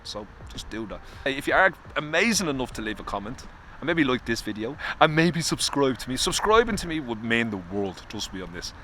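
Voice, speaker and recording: A man's voice: mid-range voice, very animated, a little fast, bright, forceful tone, slight background noise. Earnest Irish man vlogging outdoors. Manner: earnest, confessional, swears casually. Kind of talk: candid personal vlog. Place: outdoors in the cold.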